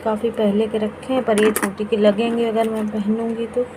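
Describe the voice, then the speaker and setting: Soft-spoken woman narrating a home vlog. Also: little pitch movement, moderate pace, background noise. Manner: soft, lowered voice so as not to wake a sleeping child. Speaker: vlogger. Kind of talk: casual vlog voice-over.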